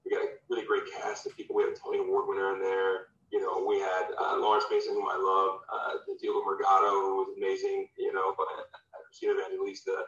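Guy from louisiana rambling about his career, low voice, sounds far off in an echoey room. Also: monotone, quick pace, fairly bright tone. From Louisiana, USA. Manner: loose, rambling, many fillers and restarts. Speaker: guest, former football player turned filmmaker. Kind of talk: casual interview. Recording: distant, roomy, dull remote audio.

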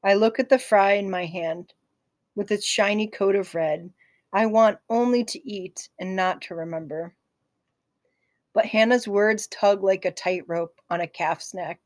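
A woman narrating a novel in the first person, calm, gentle and reflective. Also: mid-range voice, unhurried, no room sound, studio quality. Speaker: audiobook narrator.

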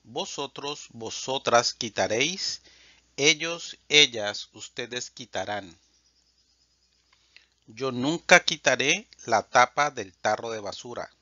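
A man teaching Spanish, reading verb conjugations aloud in a measured, drilled way. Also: mid-range voice, expressive, sharp tone, dry recording. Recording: dull lo-fi dry sound.

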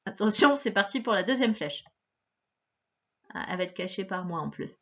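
Patient woman teaching phonics, lively pitch. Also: lo-fi sound. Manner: patient, slow and encouraging, stressing each sound. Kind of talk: recorded phonics lesson for a child.

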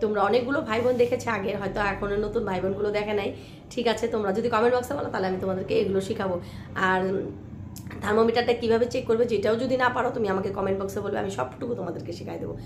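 A hoarse woman vlogging by a cowshed, chatting affectionately with her viewers and often asking if they follow. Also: mid-range voice, fast talker, background noise. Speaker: village life vlogger. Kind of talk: casual vlog chat to viewers.

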